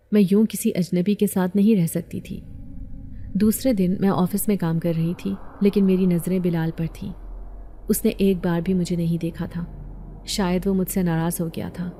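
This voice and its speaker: A woman narrating a first-person story with a steady, even reading. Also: fairly low pitch, slight background noise.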